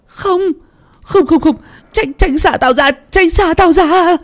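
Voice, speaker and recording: A man voicing a scheming middle-aged village stepmother, wailing in a drawn-out lament. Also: very high-pitched, voice pushed up. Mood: terrified.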